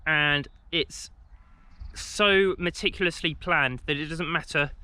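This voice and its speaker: Walking outdoors in the countryside, a young man from England talks casually to the handheld camera he carries, wandering off-topic and often stopping to restart or say um. He speaks slowly in a fairly high voice that sounds pushed and bright, with a clean tone and a dry recording.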